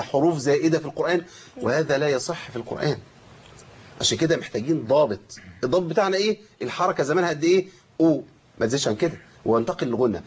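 Egyptian guy teaching quran recitation, kinda high voice, chants verses slow then quizzes students, dull lo-fi sound. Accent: Egyptian Arabic. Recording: dull lo-fi recording.

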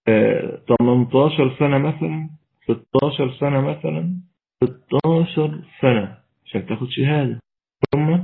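A gravelly Egyptian man preaches at medium pitch, answering questions in a religious lesson while straining to lift a weak voice. With an Egyptian Arabic accent, he moves between formal Arabic and colloquial speech, earnest and exhorting, and the audio is thin and phone-quality.

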